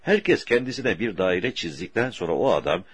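A man reading a story aloud for an audiobook in a slow, deliberate way, with a husky voice. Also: low-pitched, sing-song, no room sound. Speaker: audiobook narrator.

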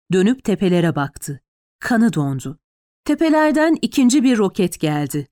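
A woman's voice: medium pitch, darkish tone, no room sound, clean studio sound. A woman narrating a tense, dramatic audiobook.

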